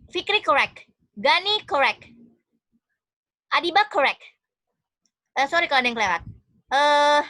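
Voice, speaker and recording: An Indonesian woman teaches a class online, cheerfully encouraging each pupil by name. Her voice sits high and bright. The sound is dry and close, as on a video call. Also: no echo. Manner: affectionate, encouraging, calls students one by one.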